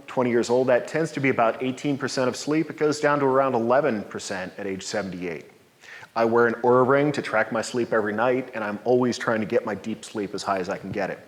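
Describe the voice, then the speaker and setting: A man in his forties gives a conference talk from a podium in a dark lecture hall. His voice sits at a middle pitch, explanatory and upbeat. A long reverb trails behind every phrase, picked up by a distant podium mic. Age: 40s. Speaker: presenter.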